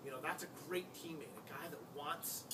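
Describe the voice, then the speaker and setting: An American man, a high school basketball coach, giving an informal tribute speech in a conversational, anecdotal way with emphatic repetition. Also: brisk. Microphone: distant microphone. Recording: noisy, distant-miked live room recording.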